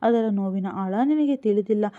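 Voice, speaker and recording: A woman's voice: mid-range voice, normal speed, lightly acted. A woman reading the lines of a wounded, reproachful young husband. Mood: hurt. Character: hurt young husband, a doctor. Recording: phone-like narrow sound.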